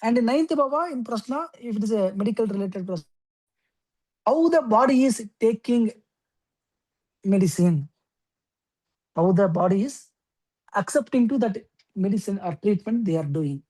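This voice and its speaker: A woman teaching an astrology class, explaining step by step with frequent okays and pauses. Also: mid-range voice, animated, warm tone, rough recording. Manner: explains slowly with many okays and fillers. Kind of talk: lecture.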